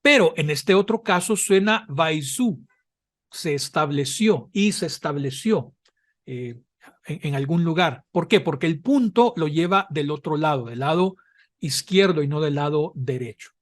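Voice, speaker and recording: A man's voice: a little high, lively intonation. Patient male Hebrew teacher explaining step by step. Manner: patient, explanatory, often checks in with "¿verdad?" and fills pauses with "eh". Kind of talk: online class lecture.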